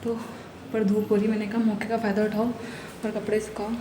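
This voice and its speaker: A young mother in her twenties chats casually to a handheld camera in a home vlog, moving between the kitchen and the rooftop. Her voice is medium-pitched and level at a normal speed, and the noisy home recording sounds reverberant.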